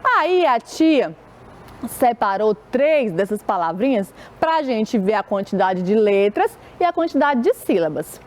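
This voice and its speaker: A woman teaching a televised children's reading lesson, drawing out syllables slowly and calling herself auntie. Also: on the high side, very animated. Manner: slow, drawn-out syllables, calls herself "tia".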